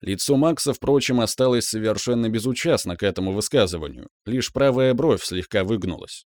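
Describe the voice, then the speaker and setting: A male audiobook narrator with a fairly low voice, reading in an even, measured way. The recording is dry and close, with no room sound. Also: no room sound.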